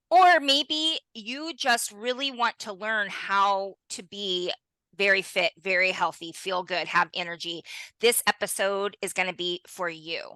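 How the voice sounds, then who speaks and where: A woman's voice: medium pitch, bright, forceful tone, smooth, no room sound, low-quality recording. A young adult woman hosting a podcast interview, bubbly and exclamatory, speaking straight to her listeners. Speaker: podcast host.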